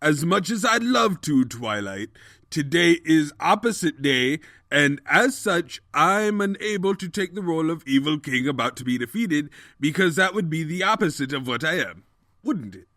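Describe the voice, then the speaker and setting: A man's voice: fairly high pitch, animated, normal speed, sharp tone, dry recording, studio quality. A man playing an evil, scheming, cowardly pony king in a comedic audio drama, pompous and melodramatic. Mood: feigned regret. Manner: pompous, melodramatic, slipping into evasive excuses. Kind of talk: comedic fan fiction audio drama acting.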